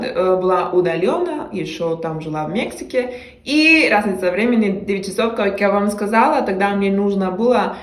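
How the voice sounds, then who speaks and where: A young Mexican woman talks casually to camera in a language she learned, her Mexican Spanish accent showing as she hesitates with frequent fillers and restarts. Her voice is fairly low, and the sound is roomy.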